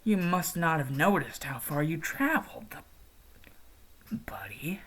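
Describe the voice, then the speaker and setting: A man voicing a sinister male toy-company founder in a low, hushed, creaky whisper. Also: big pitch swings, takes it slowly, full character voice. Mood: menacing hush.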